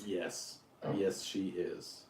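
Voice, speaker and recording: A man's voice: low-pitched, little pitch movement, drawn-out words, reverberant, background noise. A man from Utah hosting a casual live stream, rambling, joking and answering questions from his chat. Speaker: YouTube livestream host.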